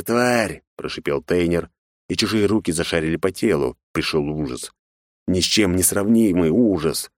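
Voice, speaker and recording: A man's voice: very deep voice, a little mellow, no echo, studio quality. A man narrating a fantasy audiobook in a tense, dramatic reading. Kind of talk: scripted narration.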